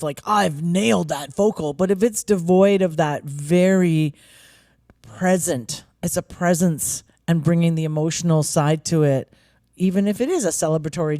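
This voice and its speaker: Female vocal coach, lower voice, earnest and chatty, dry close sound. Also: measured pace, dark tone, no echo. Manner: earnest, thinks aloud with many likes. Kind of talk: casual conversation.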